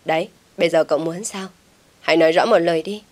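A woman's voice: lowish voice, fairly even intonation, fast talker, darkish tone, natural voice. A woman doing a wailing village mother. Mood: demanding. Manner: wailing, demanding. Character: wailing middle-aged mother, protective, pushy.

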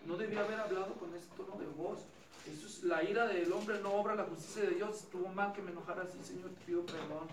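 A man's voice: high voice, fairly even intonation, fast talker. A man preaching a sermon in a conversational, self-deprecating way, often checking in with his listeners. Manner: conversational, self-deprecating, asks the audience questions. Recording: echoey hall, distant mic, faint ambience.

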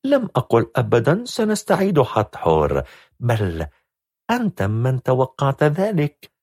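Scheming cruel queen done by a man, husky and mocking, storybook villain. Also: on the low side, darkish tone, no room sound, clean studio sound, voice pushed up. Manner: sneering, contemptuous. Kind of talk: audiobook character voice.

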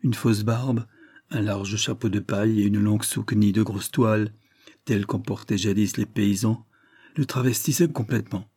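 A man narrating a classic novel aloud in a measured, expressive way. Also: fairly low pitch, husky, no echo, studio quality. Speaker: audiobook narrator. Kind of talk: scripted narration.

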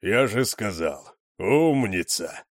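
A man voicing a big fat male cook in an audiobook, calm, slow and easygoing. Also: low-pitched, no echo, clean studio sound.

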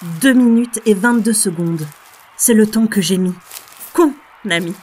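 A woman's voice: medium pitch, a little slow, a little mellow, slightly rough. A woman playing a stubborn young racer who snaps back at her rival. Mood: determined. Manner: defiant, snapping back.

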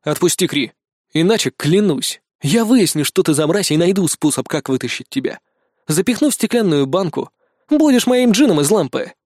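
A man voicing a defiant, foul-mouthed young man in an audiobook, snarling and sarcastic. The voice runs a little high for a man and sits dry and close. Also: sing-song, moderate pace, darkish tone, no echo. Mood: threatening.

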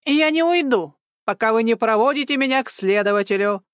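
Brief: woman reading as a stubborn old busybody, bossy, shrill and insistent, dry close sound. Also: animated, measured pace, no room sound. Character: stubborn elderly woman activist, loud and bossy.

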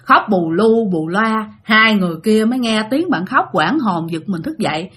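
Southern Vietnamese woman narrating a ghost tale, bright lively voice, a bit husky. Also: medium pitch, normal speed. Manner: animated, addresses listeners directly. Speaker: storyteller. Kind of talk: spoken ghost story narration.

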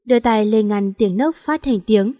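A woman's voice: medium pitch, normal speed, warm tone. A woman narrating a sad melodrama in an emotional, sorrowful way. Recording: long hall reverb.

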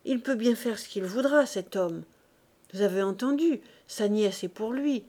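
A woman's voice: a little high, lively intonation, normal speed, mellow. Woman playing a plaintive, whiny aunt, slightly raised voice, audiobook. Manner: whining, self-pitying. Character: plaintive resentful middle-aged aunt.

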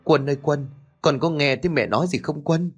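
Frantic older mother, shrill and loud, as a male narrator puts her on in an audio story. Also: a little fast, breathy edge, lo-fi sound. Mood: alarmed. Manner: shrill wailing cries.

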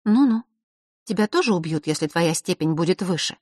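A woman's voice: fairly low pitch, animated, fairly quick, a little mellow, no room sound, clean studio sound. A woman reading aloud, voicing a bold young girl who asks blunt, demanding questions.

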